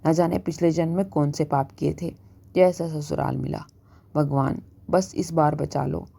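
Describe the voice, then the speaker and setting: A woman's voice: low voice, steady tone, moderate pace, creaky, dark tone, breathy edge, full character voice. A woman voicing a frightened young daughter-in-law pleading in prayer, in a storybook reading. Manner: pleading, fearful.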